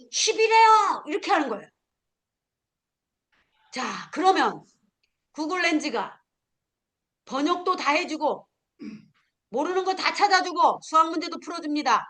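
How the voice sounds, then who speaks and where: A middle-aged woman teaching a class of future smartphone instructors, animated, acting out learners and firing off questions. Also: high voice, normal speed, pauses often. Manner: animated, acts out learners and scolding, punchy questions. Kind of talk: lively classroom lecture.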